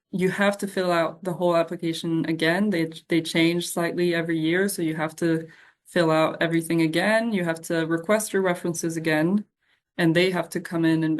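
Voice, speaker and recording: This woman speaks in a slightly low voice that barely shifts in pitch. As a staff member, she answers questions informally, hesitating along the way while offering reassurance.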